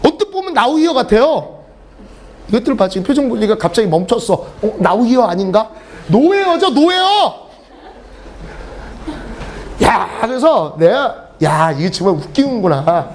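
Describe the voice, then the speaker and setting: Animated, high-pitched male English teacher. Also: normal speed, a little hiss or hum. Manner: animated, joking, often laughing mid-sentence. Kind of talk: lecture with humorous storytelling.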